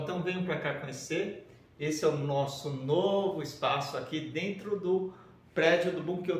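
A man speaks directly to his viewers in a casual, upbeat way, like a speaker pitching an idea. His voice sits a little high for a man. The camera mic picks up a noticeably roomy, echoey studio space. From Brazil. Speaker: professional speaker. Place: indoor studio room with shelves.

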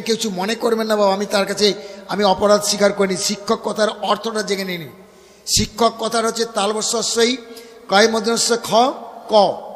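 A man's voice: sits high, a bit bright. A man with a West Bengal accent giving a devotional sermon, preaching straight to his listeners and breaking into chanted verses. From India. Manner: preachy, addresses listeners as baba. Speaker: Bhagavat reciter. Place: gathering at a home, live audience. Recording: long reverb of a hall.

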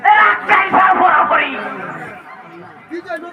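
A man's voice: extremely high pitch, a little slow, vocal fry, full character voice. A man playing an eager, cheeky schoolchild in Bengali folk theatre, with a Bengali accent. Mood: boisterous. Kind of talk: loud Bengali jatra folk theatre acting. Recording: muffled distant stage, loud music and crowd.

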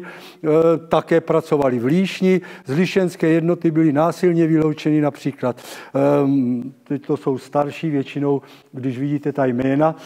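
An elderly man giving a public lecture, halting and correcting himself as he addresses his listeners. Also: fairly high pitch, mellow. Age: 70s. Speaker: lecturer on local theatre history. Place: large dim auditorium with stage and seated audience. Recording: reverberant hall, long echo.

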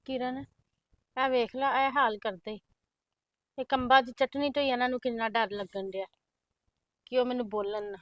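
A woman playing a kind young sister-in-law who gently consoles a crying relative. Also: fairly high pitch, steady tone, normal speed, long pauses, no echo, close to an everyday voice. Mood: reassuring. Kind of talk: family drama acting.

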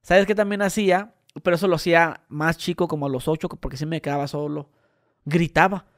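Mexican man, high voice, animated podcast storyteller; dry recording. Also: fairly quick, dry recording. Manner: animated storyteller, crude slang. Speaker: podcast co-host. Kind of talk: casual chat.

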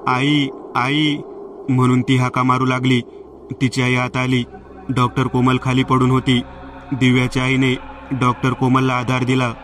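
Flat-voiced male horror storyteller. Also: mid-range voice, normal speed, a little hiss or hum. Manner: flat, even reading of all parts. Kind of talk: scripted horror story narration. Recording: distant mic with faint music.

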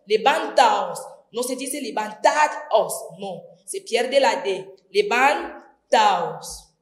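Slow, echoey woman teaching grammar. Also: a little high, animated. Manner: slow, deliberate, spells out each verb form. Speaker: Spanish teacher. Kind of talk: distance-learning grammar lesson. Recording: echoey room.

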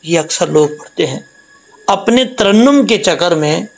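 Guy teaching quran recitation, high-ish gravelly voice, slow and patient. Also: expressive, poor audio. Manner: patient, explains each letter slowly and repeats sounds. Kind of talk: Quran tajweed lesson with recitation.

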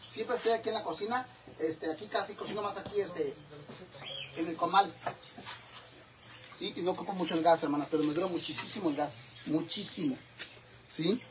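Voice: medium pitch, moderate pace, long pauses, background noise. A cook with a Mexican accent chatting with viewers during a casual cooking live stream in a home kitchen, teasing and swearing freely. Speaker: cooking vlogger.

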